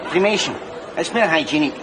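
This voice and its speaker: A cheeky, leering Glaswegian man full of crude wisecracks, as an actor plays him. His voice sits high for a man, and a busy outdoor crowd and traffic noise fill the background. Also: lively intonation, a little fast, natural voice. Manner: leering, wisecracking, mock-consoling. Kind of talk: TV sitcom acting.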